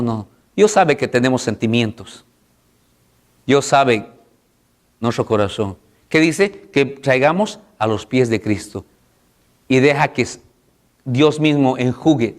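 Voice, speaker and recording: A man preaching a sermon as pastor, pleading with the congregation through repeated rhetorical questions and swinging from loud, high exhortation to low, soft passages.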